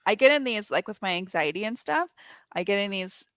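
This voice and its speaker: A woman's voice: mid-range voice, expressive, a little fast, a bit bright, no echo, studio quality. A young woman hosting a reading session on a video call, chatting casually and laughing often. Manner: chatty, laughs often, trails off mid-sentence. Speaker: host of reading sprints. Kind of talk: casual chat.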